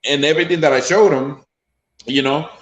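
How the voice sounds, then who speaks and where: A man's voice: fairly high pitch, fairly quick, echoey room, rough recording. A man from Honduras with a Honduran accent, a player's father talking casually in an interview, rambling with many fillers and restarts.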